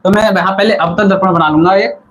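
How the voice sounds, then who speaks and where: A man with a fairly high voice teaches a physics class during an online stream. He asks a question, then answers it himself and says the term again for the viewers to note down. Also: fairly even intonation, fairly quick, fairly bright tone, low-quality recording. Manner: repeats key terms and quizzes the viewers. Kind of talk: live online lesson.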